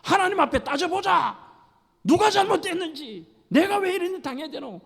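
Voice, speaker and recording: A pastor voicing a furious older wife who shouts accusations at her husband, in a sermon. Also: very high voice, big pitch swings, moderate pace, creaky, pitched above the performer's own voice, heavily acted. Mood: furious shouting. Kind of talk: sermon with acted quote. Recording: echoey church hall.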